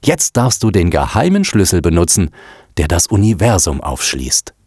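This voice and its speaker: An enthusiastic, patient man who coaxes his sulky computer along in a storybook, played by a man. The voice rises and falls in lively swings. It is close and dry. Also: low-pitched, moderate pace, slightly rough, no room sound, exaggerated voice. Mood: eager. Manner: coaxing, patient.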